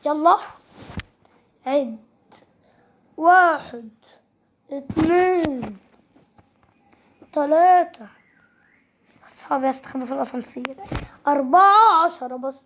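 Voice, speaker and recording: A woman with an Egyptian Arabic accent commenting on a game she is playing, excitable and teasing, jumping between loud cries and quick mutters. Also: sits high, slight background noise. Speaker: gaming YouTuber.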